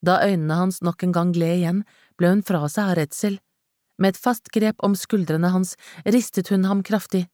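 A woman with a fairly low voice reads a novel aloud in a measured, dramatic way. The recording is close and dry, with no room sound. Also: fairly even intonation, mellow, no echo. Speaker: audiobook narrator. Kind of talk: scripted narration.

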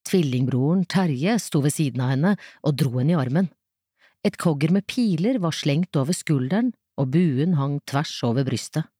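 Measured storybook narrator, mellow, dry sound. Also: medium pitch, no room sound.

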